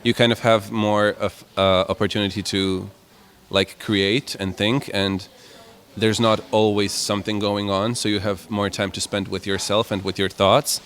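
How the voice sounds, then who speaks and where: A young man in his twenties from Croatia, answering interview questions in a relaxed, rambling way. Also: fairly low pitch, moderate pace. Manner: relaxed, rambling with many "like" and "kind of" fillers. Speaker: musician guest.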